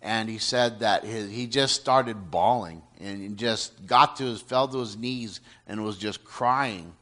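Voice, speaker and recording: Earnest male storyteller, slightly low pitch, halting conversational delivery. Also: sharp tone. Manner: earnest, halting, many restarts and "you know". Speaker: storyteller retelling a testimony. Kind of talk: casual spoken retelling.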